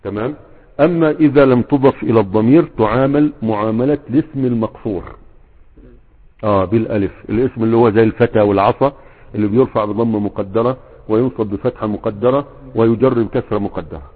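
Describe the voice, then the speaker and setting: Speaking quickly in a lowish, slightly rough voice, an Egyptian-accented sheikh runs a grammar lesson. He keeps prompting students with fill-in questions and frequently checks their understanding. The sound is tinny, like a phone, and echoes through a reverberant hall.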